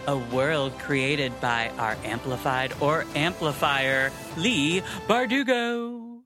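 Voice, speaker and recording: A woman's voice: low-pitched, slow pace, music in the background. A woman hosting a podcast in casual, supportive and reassuring conversation. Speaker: podcast host.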